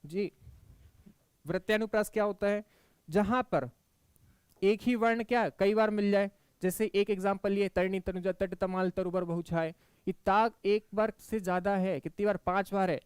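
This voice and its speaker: High-voiced man teaching Hindi grammar. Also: a little mellow, clean tone, no echo. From Madhya Pradesh, India. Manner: explains step by step, often checking in with "theek hai"; recites verse examples slowly and deliberately. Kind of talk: exam-prep Hindi grammar lecture.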